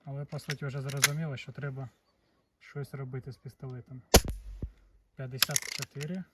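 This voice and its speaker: A man's voice: mid-range voice, little pitch movement, fairly quick. A man with a Ukrainian accent in a casual hands-on vlog, matter-of-factly testing an air pistol and reading out numbers. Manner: matter-of-fact, reads out chronograph numbers. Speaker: airgun vlogger. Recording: distant mic with noisy background.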